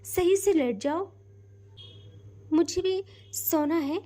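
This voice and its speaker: A woman's voice: very high-pitched, slow pace, warm tone. A woman voicing a sulking young woman who answers her wife curtly. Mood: sulky. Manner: curt, huffy.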